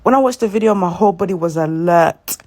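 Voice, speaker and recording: A woman reflects earnestly in spiritual commentary, her tone measured. Her voice sits on the lower side. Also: darkish tone.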